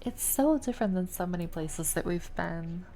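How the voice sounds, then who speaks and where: A woman's voice: on the low side, animated, normal speed, warm tone, faint music behind, poor audio. A woman with an American accent giving casual live commentary as she streams a game. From United States. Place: indoors at a PC, game music behind.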